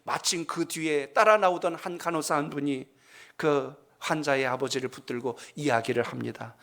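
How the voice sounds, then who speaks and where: A man's voice: on the high side, moderate pace, fairly bright tone. A male pastor preaching a sermon, telling a story and speaking with emphasis.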